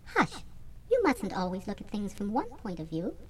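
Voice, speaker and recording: A man putting on a prim, soothing voice that hushes and calms. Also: sits high, moderate pace, very noisy, pitched above the performer's own voice.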